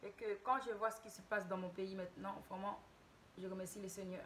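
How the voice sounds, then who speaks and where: A woman from Haiti shares a casual story-time tale with her viewers in a mid-pitched voice. She talks hesitantly, often restarting words and correcting herself. A faint hiss runs under the recording. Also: level tone, brisk, a bit bright. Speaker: YouTuber telling a story.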